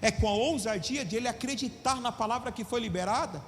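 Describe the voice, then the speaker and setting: A male pastor from Brazil preaching a sermon, asking the congregation questions and swinging between loud and quiet. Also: very high-pitched, a little fast, slight background noise. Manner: preaching with call-and-response questions, shifting between loud and soft. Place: church hall. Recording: long hall reverb with faint music. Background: faint music.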